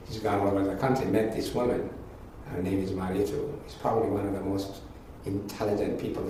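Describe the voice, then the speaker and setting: A man in his seventies from Ethiopia, a retired professor, telling his life story in a reflective, unhurried way. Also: sits low, mellow. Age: 70s. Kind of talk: recorded interview. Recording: echoey distant mic with faint noise.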